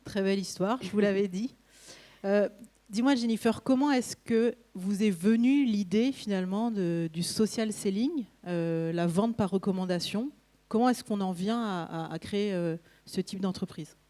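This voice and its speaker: A woman's voice: mid-range voice, moderate pace, warm tone. A woman hosting a conference interview, speaking spontaneously and searching a little for words. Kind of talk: spontaneous stage presentation and interview.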